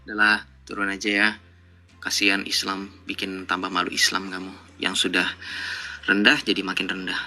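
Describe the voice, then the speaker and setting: A man's voice: sits low, monotone, moderate pace, pushed and bright, soft background music. A man hosting a live online debate, lecturing callers with mocking rhetorical questions. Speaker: live-stream debate host.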